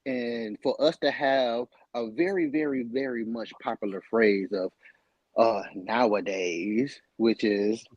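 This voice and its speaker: Man, podcast co-host, husky, emphatic and halting, dry close mic. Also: mid-range voice, fairly even intonation, darkish tone, dry recording, muffled recording. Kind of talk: casual group debate.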